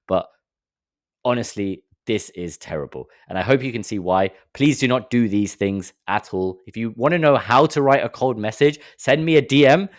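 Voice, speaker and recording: A man's voice: on the low side, no echo, studio quality. A man giving casual marketing advice on camera, exasperated and mocking, often stumbling over repeated words. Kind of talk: casual talking-head advice.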